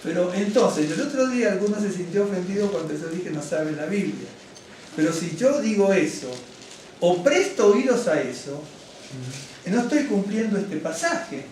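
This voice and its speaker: A rabbi, a man, preaching a lively, wandering sermon that keeps checking in with the congregation. His voice sits a little high and booms around a very echoey hall. It is picked up from a distance, with faint room ambience behind. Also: moderate pace, a little hiss or hum. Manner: lively, digressive, asks "¿no es cierto?" often; addresses congregation directly, gets excited. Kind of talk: conversational sermon teaching. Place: synagogue hall.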